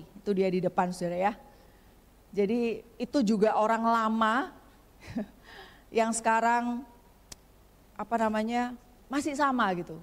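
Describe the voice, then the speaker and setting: Chatty woman preaching in a reverberant church. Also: fairly high pitch. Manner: chatty and humorous, often addresses the congregation directly. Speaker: guest pastor. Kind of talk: conversational sermon. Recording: long church hall reverb.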